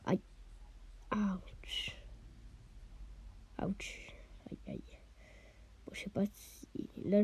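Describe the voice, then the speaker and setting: A woman chats through a let's play as she games, her voice stuffy from a cold, often sinking into a half-whisper and throwing in quick interjections. Her pitch sits in the middle, and the tone is mellow and husky with no echo.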